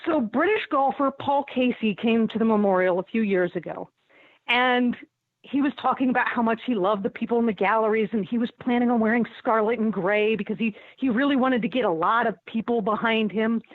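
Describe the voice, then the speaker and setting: A woman sports reporter, a guest on the show, giving measured analysis and telling a story in casual chat. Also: fairly high pitch, no echo. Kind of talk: casual sports chat over a phone line. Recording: tinny phone line.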